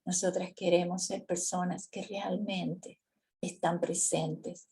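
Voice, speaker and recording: A woman gives a faith-based workshop on grief for other women. She speaks slowly in a mellow, soft-edged voice. Her delivery is calm, gentle and earnest, and she often pauses to put questions to her listeners. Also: lowish voice. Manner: calm, measured, asks the audience questions.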